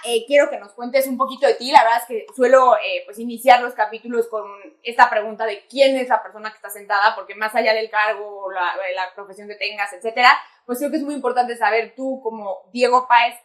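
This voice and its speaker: A woman hosting an interview podcast. Her voice sits on the high side. She talks in a chatty way, leaning on fillers like "eh" and "pues". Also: brisk, a bit bright. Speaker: podcast host.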